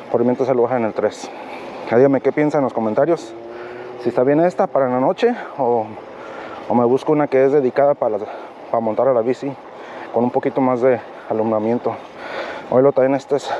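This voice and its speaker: A medium-pitched man, a native English speaker, narrates a casual vlog during a night bike ride on city streets. He's halting, searching for words, with many fillers. Recorded on an action camera on the bike, the audio is dull and full of traffic and road noise.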